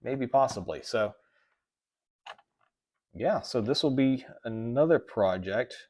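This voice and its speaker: Slow and expressive, with a medium pitch and a slightly mellow quality, this man from the American South talks through a desk microphone. He's hosting an informal tech livestream, rambling along, catching and correcting himself, and voicing the viewer chat out loud.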